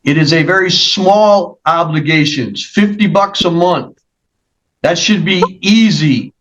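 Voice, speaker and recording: A man's voice: a little high, a little slow, fairly bright tone, muffled recording, slight background noise. A man serving as judge in a virtual court hearing, talking in a stern, firm, lecturing way.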